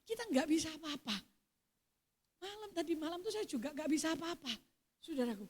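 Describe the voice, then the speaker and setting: A middle-aged woman pastor with a Javanese accent preaches at a church service, moving from quiet storytelling to loud, emphatic exclamations. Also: high voice, animated, brisk. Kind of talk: sermon.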